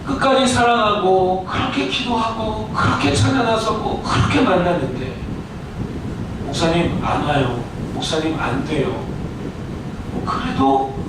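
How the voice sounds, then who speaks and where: Raised-voice pastor preaching in an echoey church. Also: male voice, high-pitched. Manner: asks the congregation questions and answers them himself; storytelling with swings between loud and hushed. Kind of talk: sermon. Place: church sanctuary. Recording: echoey hall, distant mic, loud noise.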